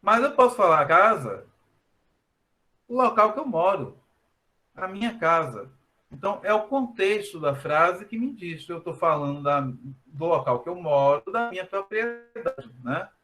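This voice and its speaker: A math teacher, talking through a recorded lesson at an easy explaining pace. His voice is bright and ringing, sitting a bit high for a man. He repeats his points and keeps tagging them with a questioning "né?". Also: animated, moderate pace. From Brazil.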